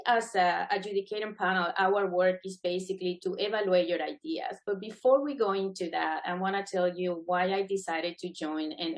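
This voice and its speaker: Speaking in a lowish voice over a low-quality recording, this middle-aged woman from Venezuela, whose native language is Spanish, offers earnest encouragement at a webinar. She's there as a guest speaker on the adjudicating panel, delivering prepared yet semi-spontaneous remarks.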